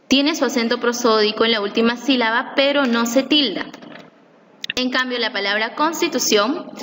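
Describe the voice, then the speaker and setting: Woman, teacher narration, slightly high voice, careful deliberate delivery, reverberant sound, faint background noise. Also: fairly bright tone. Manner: slow, careful, stressing syllables. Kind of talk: scripted explainer narration.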